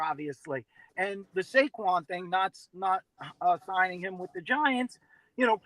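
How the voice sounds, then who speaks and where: A man's voice: sits high, a bit bright, no room sound, poor audio. A man on a sports talk panel, rambling in casual chat with many fillers and restarts. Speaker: football show panelist.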